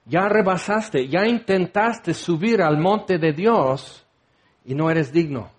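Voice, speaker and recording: A man's voice: a little high, lively intonation, takes it slowly. A man preaching a conversational sermon, full of rhetorical questions and playful asides.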